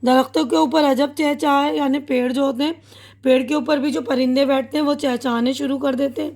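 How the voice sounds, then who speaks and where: A woman teacher patiently explaining a children's poem line by line, often checking in with her pupils and reading verses slowly. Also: sits high, fairly even intonation, a little mellow. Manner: patient, repeats and asks "hai na"; reads poem lines slowly.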